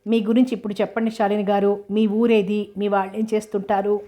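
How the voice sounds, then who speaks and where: A woman voicing a teasing young man in a storybook reading, with a flat, even delivery. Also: mid-range voice, brisk, lightly acted. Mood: friendly. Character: teasing young man Sarma, playful bachelor.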